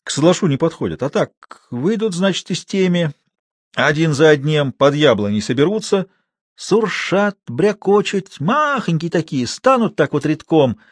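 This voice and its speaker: A man voicing a gloomy, superstitious old village night watchman who talks slowly in rustic speech. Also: on the high side, big pitch swings, no echo, studio quality, voice pushed up. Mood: gruff, mysterious. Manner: slow, dialect-heavy, mysterious.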